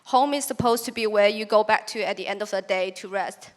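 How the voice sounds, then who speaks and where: A woman's voice: medium pitch, fairly quick. A young woman from China, a native Chinese speaker, giving a prepared talk about her photography in an earnest, reflective way with occasional restarts.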